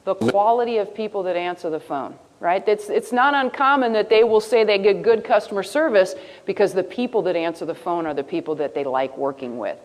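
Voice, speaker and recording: A woman giving a live presentation, lively and asking her audience questions as she goes. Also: mid-range voice, fairly quick, few pauses. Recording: long hall reverb.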